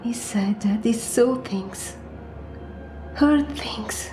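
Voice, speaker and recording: An actress in her forties playing a grieving sister and widow in a horror film, talking in a weary, quiet voice that often drops to a half-whisper. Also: fairly high pitch, extremely slow, soft background music. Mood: sombre. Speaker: film character, older sister. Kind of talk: film acting.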